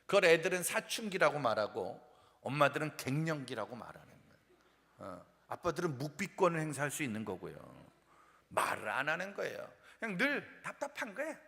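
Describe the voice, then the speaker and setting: A male pastor preaching a humorous revival sermon in a church sanctuary. His voice is high and bright, and his pitch swings widely as he jokes with the congregation. A long hall reverb trails behind every line. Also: brisk, vocal fry. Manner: playful, animated, acts out quoted complaints and sings snippets.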